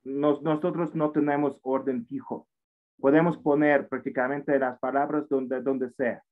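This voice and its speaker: This man is a native Russian speaker teaching English online, with the lesson given in Spanish. His voice is mid-range and flat, his pace measured, and he explains with frequent tag questions and restarts over thin, phone-like call audio.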